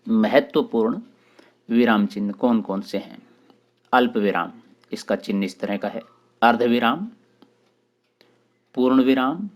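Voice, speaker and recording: A medium-pitched male host runs his own channel, where he walks through grammar terms individually for exam preparation, pausing briefly between each.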